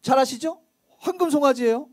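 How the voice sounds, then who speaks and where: A man's voice: very high-pitched, a little fast, a little mellow. A male pastor preaching a sermon in a church, speaking conversationally and quizzing the congregation with rhetorical questions. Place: church sanctuary.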